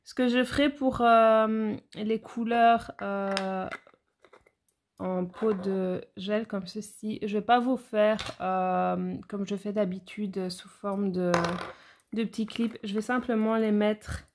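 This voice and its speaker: A woman talks through a beauty haul in a loose, chatty way. She pauses often on fillers and keeps turning to address her viewers directly. Her voice carries a noticeable gravelly fry and sits at an ordinary middle pitch. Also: steady tone, a little mellow, a little hiss or hum. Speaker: nail educator. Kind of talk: casual product haul vlog.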